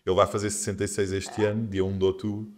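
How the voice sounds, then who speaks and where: A man in his twenties, a podcast guest speaking calmly and reflectively in a casual interview. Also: lowish voice, fast, slight background noise. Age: 20s.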